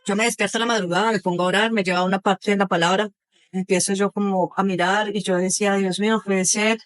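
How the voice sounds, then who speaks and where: A woman's voice: mid-range voice, fairly even intonation, quick pace, dry recording. A young woman, a podcast guest telling her own hard experiences with feeling, acting out what others said. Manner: emotional, retells events with quoted speech and sounds. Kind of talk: personal testimony in a podcast interview.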